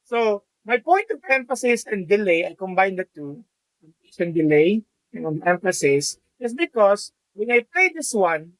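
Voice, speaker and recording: A man with a Filipino accent, a math teacher educator walking students through a software tutorial, explaining step by step with fillers and restarts. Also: high-pitched, big pitch swings, a little slow, dry recording, low-quality recording. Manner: explanatory, frequent fillers and restarts, mixes in Tagalog. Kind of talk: screen-recorded software tutorial.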